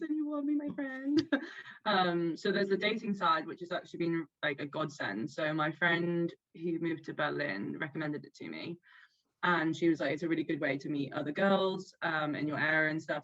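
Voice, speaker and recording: A woman's voice: sits low, brisk, fairly bright tone. Young woman guest, giggly and chatty, slightly dull lo-fi recording. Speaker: podcast guest. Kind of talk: casual chat.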